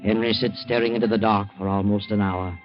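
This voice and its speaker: A grave radio narrator, AM broadcast. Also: male voice, on the low side, steady tone, brisk. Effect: old AM radio broadcast sound. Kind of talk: 1940s radio drama narration. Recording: muffled old radio broadcast with music.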